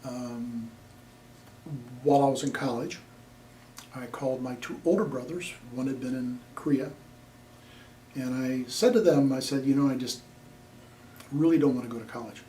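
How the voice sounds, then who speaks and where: An older veteran from Nebraska, USA, speaks plainly in an oral history interview, rambling with frequent fillers. His mid-range voice has a warm tone. The room is echoey, with a distant mic and faint noise.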